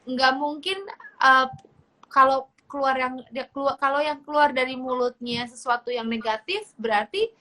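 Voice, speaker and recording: A woman's voice: high voice, normal speed, pushed and bright. A woman hosting a casual church talk show, agreeing with her guest and summing up her points. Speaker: host.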